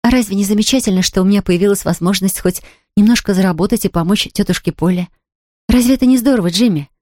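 A woman reading aloud, voicing an eager, chatty young girl who talks in quick exclamations. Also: mid-range voice, darkish tone, dry recording, studio quality, close to an everyday voice. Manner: breathless, rapid, exclamatory.

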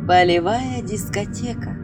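A woman narrating a story aloud in a lively, expressive way, acting out the quotes. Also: mid-range voice, a little slow, faint music behind. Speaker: audiobook narrator.

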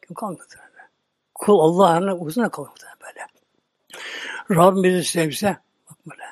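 A male preacher retelling a story in a slow, dramatic sermon, often dropping into a whisper. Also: high-pitched, no echo, clean studio sound.

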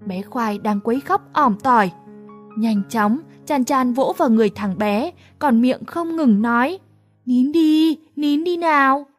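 A woman narrating a first-person story in a lively, exasperated comic tone. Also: a little high, measured pace, no echo, faint music behind. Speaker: audiobook narrator.

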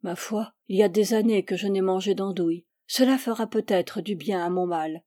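A woman's voice: medium pitch, normal speed, warm tone, no echo, lightly acted. A woman voicing a sickly, whining peasant wife. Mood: plaintive. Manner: plaintive, whiny.

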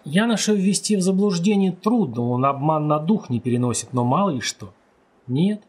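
Husky male audiobook narrator. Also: on the high side, animated, moderate pace. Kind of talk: scripted narration.

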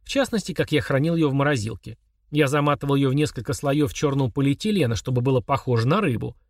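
A man voicing a calm, mocking young man who chats casually while confessing murder to his father. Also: mid-range voice, quick pace, no echo, studio quality, close to an everyday voice. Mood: coolly sneering. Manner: chummy, sneering, confessional tone.

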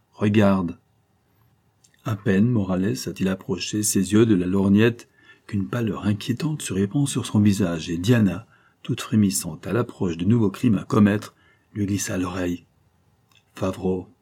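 Male audiobook narrator, measured literary reading, dark mellow tone, slightly husky. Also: on the low side. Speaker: audiobook reader.

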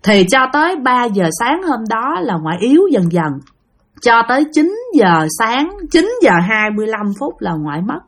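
A woman's voice: fairly high pitch, big pitch swings, moderate pace. A woman with a Southern Vietnamese accent retelling a ghost story in a conversational way, speaking directly to her listeners.

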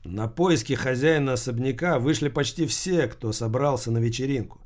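Male audiobook narrator: measured, even reading, mid-range pitch.

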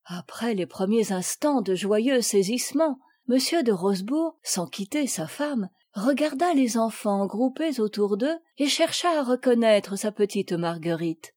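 A woman reads a children's novel aloud as scripted narration. Her delivery is even and measured, her voice dark and mellow. The recording is dry and close. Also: a little high, no room sound. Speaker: audiobook reader.

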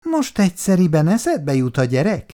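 A woman's voice: wildly swooping pitch, dark tone. A reader voicing an irritable young wife and mother who complains shrilly and reproachfully in a dramatized reading of a 1960s family story. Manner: shrill, reproachful, hysterical outbursts.

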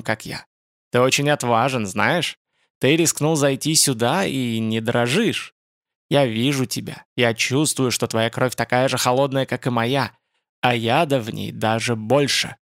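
A man reading an audiobook, voicing a creaky, sinister old male spider-man mage in a slow, gloating manner. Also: mid-range voice, a bit bright, dry recording, studio quality. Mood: menacing. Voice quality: creaky, clicking voice.

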